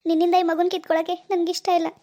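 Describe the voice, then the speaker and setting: In an animated cartoon, a woman voices a childless elder sister who is deeply grateful. Her delivery is earnest and pleading, and she races through the lines.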